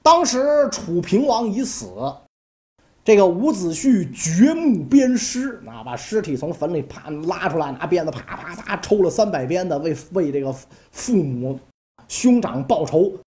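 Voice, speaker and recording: A woman's voice: fairly low pitch, sing-song, measured pace, warm tone. A woman telling ancient history in a jokey, chatty way with asides to listeners. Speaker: storyteller. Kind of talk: colloquial history storytelling.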